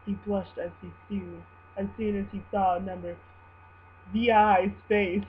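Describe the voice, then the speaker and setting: A woman giving an amateur dramatic reading of fan fiction, halting and prone to stumbles. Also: mid-range voice, little pitch movement, a little hiss or hum. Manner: halting, stumbles over words and breaks into giggles. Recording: muffled, humming home recording.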